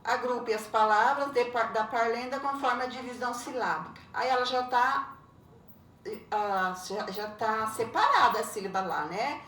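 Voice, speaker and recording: A middle-aged woman, a primary school teacher walking children through their homework. She talks slowly and patiently, checking in with little tags as she goes. The recording is roomy, she sits a bit back from the mic, and a faint hiss runs underneath. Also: on the high side, a bit bright. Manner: slow, patient, explains step by step with frequent "né?" and "tá?". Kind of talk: recorded remote lesson correcting homework. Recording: roomy echo, voice a bit far from the mic, faint background noise.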